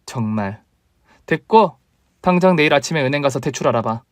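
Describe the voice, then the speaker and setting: A man's voice: mid-range voice, expressive, moderate pace, no room sound, clean studio sound, lightly acted. A man voicing a selfish, demanding young wife who whines and accuses in a story radio drama. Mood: scornful. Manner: whiny, accusing, nagging.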